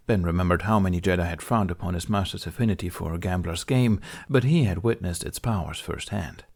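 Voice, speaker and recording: Reading a story from a script in audiobook style, a male narrator uses a low, creaky voice with a darkish tone.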